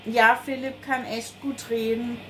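Defiant touchy schoolgirl, read by a woman, high-ish, unhurried, noisy take. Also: level tone, lightly acted. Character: prickly stubborn schoolgirl, easily annoyed.

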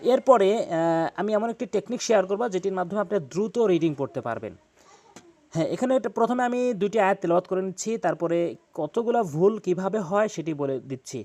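A man with a high, light voice teaches Quran recitation rules. He explains patiently and repeats key points, breaking into slow chanted examples of the verses. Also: expressive, darkish tone.

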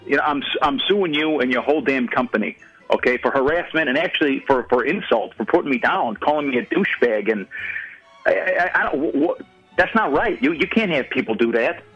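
A man's voice: mid-range voice, expressive, a little fast, a bit bright, slightly rough, faint music behind. A man on a phone call who stammers and repeats himself, growing more and more exasperated. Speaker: prank call victim.

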